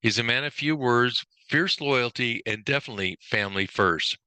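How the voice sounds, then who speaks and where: Man with a sharp, bright voice listing traits. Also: mid-range voice, normal speed, clean tone, dry recording. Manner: rattles off lists of traits; brief self-corrections. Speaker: workplace trainer. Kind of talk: informal training lesson.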